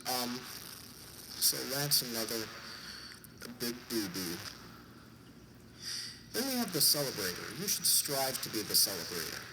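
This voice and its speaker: Stuffy-nosed man explaining over clear background noise. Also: medium pitch, big pitch swings, normal speed. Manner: jokey, irreverent asides. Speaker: vlogger summarizing a book. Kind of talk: informal explainer talk to an audience.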